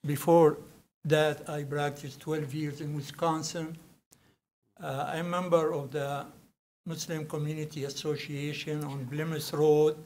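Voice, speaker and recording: This is an older man, speaking very slowly and haltingly as he introduces himself at a public meeting. His voice sits fairly high for a man. A faint hum of noise runs underneath him. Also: darkish tone. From Syria. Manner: hesitant, searching for words. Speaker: commission nominee.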